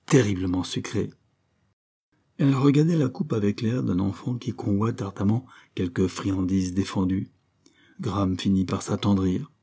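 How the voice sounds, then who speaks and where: A man reading a classic novel aloud in measured scripted narration. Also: on the low side, fairly even intonation, mellow, breathy edge. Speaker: audiobook reader.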